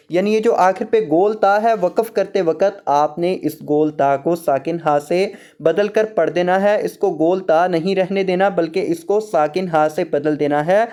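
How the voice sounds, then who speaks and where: A man teaching Quran recitation, spelling words slowly letter by letter and drawing out each sound. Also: high-pitched, a little mellow, clean tone. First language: Urdu. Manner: slow, drawn-out letter-by-letter spelling.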